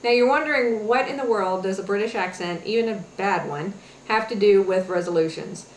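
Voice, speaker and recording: A woman's voice: mid-range voice, brisk, slight background noise. A woman hosting a casual health and fitness vlog, talking chattily with encouraging advice. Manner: chatty, many fillers and restarts, encouraging. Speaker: health and fitness webisode host. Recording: echoey room with faint ambience.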